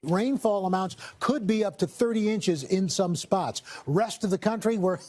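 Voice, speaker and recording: Very high-voiced weatherman stifling giggles. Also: moderate pace, noisy background. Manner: stifling giggles while presenting. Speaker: TV weather forecaster. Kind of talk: live weather presenting, ad-libbed.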